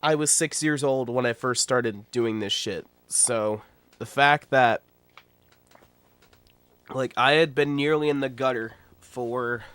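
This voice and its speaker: This man is in his twenties, a YouTuber and streamer, and his casual livestream commentary comes out blunt and rambling. He sounds stuffed up and nasal from a cold, with a medium-pitched, slightly bright voice on a dry recording.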